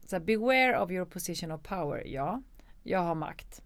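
A woman's voice: fairly low pitch, expressive, no room sound. A woman actor and producer talking candidly in an interview, emphatic and swearing freely.

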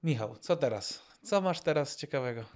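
A man co-hosting a podcast, talking in relaxed improvised chat with many fillers and restarts. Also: medium pitch, normal speed. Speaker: podcast co-host.

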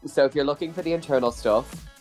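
A man's voice: on the high side, quick pace, a little mellow, faint music behind. A man hosting a podcast, chatting in a friendly, upbeat way with his co-host. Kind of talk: casual podcast chat.

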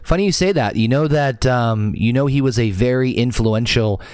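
A man's voice: mid-range voice, normal speed, darkish tone, smooth, no room sound. A man hosting a casual podcast, talking in long, rambling runs full of fillers. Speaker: podcast host.

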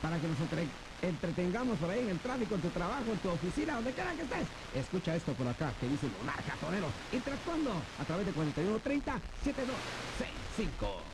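A man giving a quick radio link to listeners. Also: high voice, very animated, background noise.

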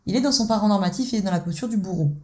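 A woman's voice: mid-range voice, racing, mellow. Conversational French-speaking woman coaching. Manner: conversational, addresses the listener directly, acts out dialogues. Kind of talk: explanatory teaching talk.

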